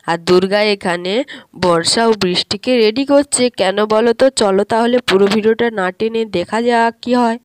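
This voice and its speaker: A woman narrating a doll story, talking directly and warmly to young viewers. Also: medium pitch, normal speed, slight background noise, low-quality recording. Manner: friendly, addressing viewers directly.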